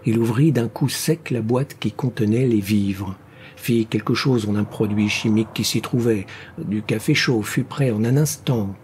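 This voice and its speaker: Slow, measured male audiobook narrator. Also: on the low side, darkish tone, slight background noise. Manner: measured, dramatic reading. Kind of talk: scripted narration.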